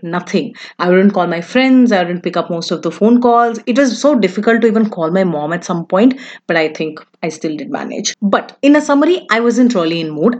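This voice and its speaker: A woman tells a personal story to the camera in a relaxed, conversational way. She keeps turning to the listener with little asides, confiding and chatty throughout. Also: mid-range voice. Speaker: vlogger telling a personal story.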